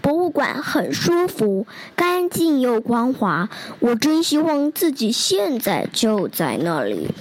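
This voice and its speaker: A woman's voice: sits high, very animated, takes it slowly, few pauses, a little hiss or hum, heavily acted, poor audio. A woman voicing a huge, homesick young male T. rex in a storybook, earnest and wide-eyed, as if reading to a toddler. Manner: earnest, wide-eyed, simple childlike phrasing. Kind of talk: storybook character letters read to a toddler.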